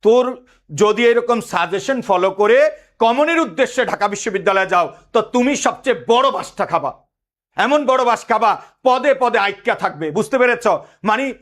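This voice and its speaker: A young man with a high voice teaches an admission test lesson in an animated way. He quizzes his students and then answers his own questions.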